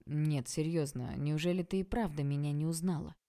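A woman reading an audiobook, voicing a cocky, amused young man who talks in a slow, teasing drawl. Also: sits low, dark tone.

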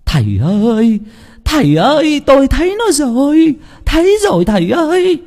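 A man's voice: high voice, very animated, normal speed, dark tone, slightly rough, pitched above the performer's own voice, exaggerated voice. A man voicing a cruel old woman who once ran gangs, screeching and scolding. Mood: excited. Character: cruel old female ex-gangster, shrill and bossy.

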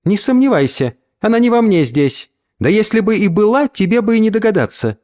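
A man voicing a cold, scornful mother who speaks in sharp, mocking retorts. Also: sits high, expressive, fairly quick, pitched above the performer's own voice.

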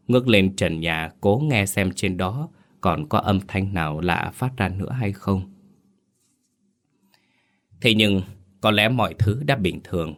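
A man telling a ghost story in steady, suspenseful scripted narration. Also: low-pitched. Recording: faint music underneath.

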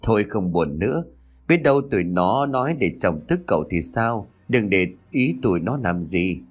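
A man's voice: on the low side, very animated, moderate pace. A man reading as a teasing, loyal school buddy. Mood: reassuring.

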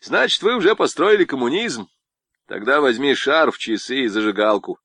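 A man reading an audiobook, voicing a self-assured, stocky male pilot with a wry, measured manner. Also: mid-range voice, animated, a bit bright, husky, dry recording. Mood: ironic.

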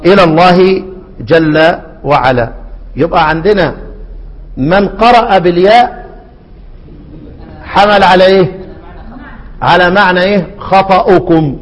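High-voiced Egyptian sheikh teaching recitation. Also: male voice, muffled recording. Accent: Egyptian Arabic. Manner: quizzes listeners with repeated rhetorical questions; chants quoted verses slowly. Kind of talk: teaching lesson with call-and-response questions. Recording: hall reverb.

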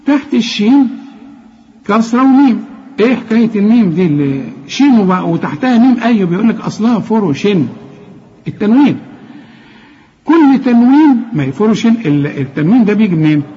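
High husky Egyptian teacher. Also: male voice, lively intonation, mellow, dull audio. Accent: Egyptian Arabic. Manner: explains step by step with quick rhetorical questions, then recites words slowly. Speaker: Quran recitation teacher. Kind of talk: tajweed lesson, explaining and demonstrating recitation.

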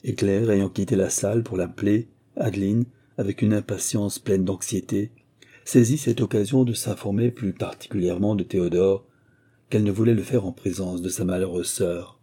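A man narrating a classic novel as an audiobook, reading in a measured, steady way. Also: fairly low pitch, breathy edge.

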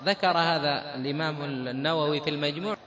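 A man's voice: fairly high pitch, fast talker, crowd noise. A man teaching a religious lesson to a class, quizzing the students and drawing words out to show how they are pronounced. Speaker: Islamic teacher.

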